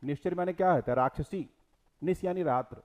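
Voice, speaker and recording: A male teacher giving an exam-prep lecture on scripture, asking rhetorical questions and quoting verses, his voice swinging between loud and soft. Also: on the high side, brisk, muffled recording.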